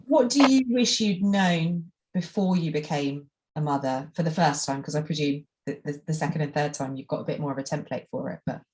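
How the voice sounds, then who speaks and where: A woman hosting an interview, asking thoughtful, measured questions with some restarts. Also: deep voice, darkish tone. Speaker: interview host. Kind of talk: conversational interview.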